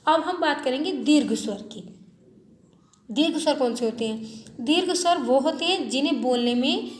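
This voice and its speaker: A woman's voice: sits high, normal speed. A woman teaching a Hindi lesson to schoolchildren, asking questions and answering them herself, drawing out vowel sounds to show their length. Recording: echoey room with faint noise.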